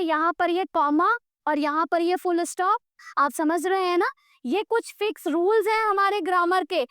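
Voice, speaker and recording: Woman teacher, really high voice, dry close sound, talks slow and keeps asking if you get it. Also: a bit bright, no echo. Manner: explains slowly, often asks students if they follow; mixes English words into Hindi. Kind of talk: Hindi grammar lesson.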